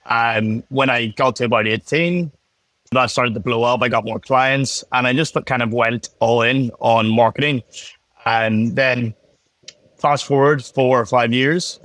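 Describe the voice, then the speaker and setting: A young man with a strong Belfast accent talks in a relaxed, chatty way, full of little fillers and restarts. His voice sits at an ordinary pitch and sounds dry and close. He comes across as a casual podcast guest on a video call. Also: no echo. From Northern Ireland. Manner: laid-back, chatty, many fillers and restarts. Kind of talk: casual interview chat.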